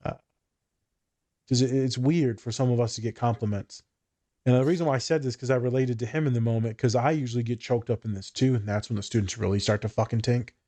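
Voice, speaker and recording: Male podcast co-host and therapist, mid-pitched voice, slangy and candid storyteller who swears freely. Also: fast, mellow. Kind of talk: casual podcast chat, storytelling.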